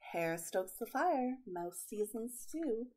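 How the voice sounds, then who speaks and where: A woman presents a story time for young children with a lively, swooping delivery. Her voice is a little rough from a cold, and she takes an unhurried pace as she addresses her small listeners. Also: fairly high pitch. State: getting over a cold. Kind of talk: expressive picture-book reading and friendly address to children.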